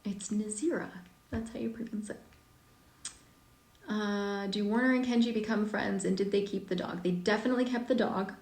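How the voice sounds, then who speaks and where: A woman hosts a casual live stream Q&A and answers fans' questions as an author. Her voice has a gravelly, creaky edge, and her rambling sentences often trail off softly. The sound is roomy and echoey. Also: mid-range voice, steady tone, moderate pace. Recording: echoey room.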